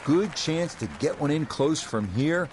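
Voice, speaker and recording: A man's voice: on the high side, expressive, measured pace, background noise. A man playing a television golf commentator calling a tournament, in play-by-play style. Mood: composed. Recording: game music and crowd behind. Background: music and crowd.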